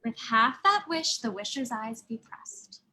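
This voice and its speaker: A modest, spirited young woman in love, played by a woman, delivering verse with swooping expression. Her voice is high and bright. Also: lively intonation, a little slow, exaggerated voice. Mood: tender. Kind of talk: Shakespeare reading.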